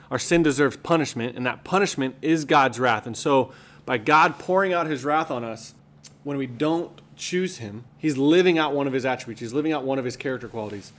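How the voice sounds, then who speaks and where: A man's voice: medium pitch, fairly bright tone. A man co-hosting a podcast, chatting and explaining in a casual style. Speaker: podcast co-host.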